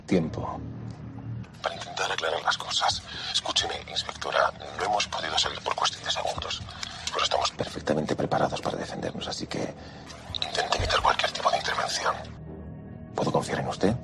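Heist leader, metallic voice changer, very deep and gravelly, loud music under him. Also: male voice. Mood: calm. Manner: measured, formal, controlled. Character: calm male heist leader negotiating by phone.

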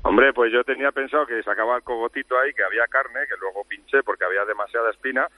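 A man's voice: mid-range voice, quick pace, dry recording. A man calling in on the phone, joking brashly and cursing in cocky banter. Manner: brash, cocky, swears a lot. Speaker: phone guest. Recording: muffled phone line.

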